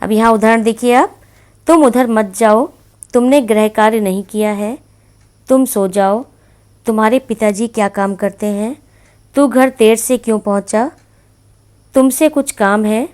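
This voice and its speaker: A female teacher patiently walks children through a grammar lesson, repeating example after example. Her voice is fairly high with a darkish tone, and she keeps a measured pace with frequent pauses.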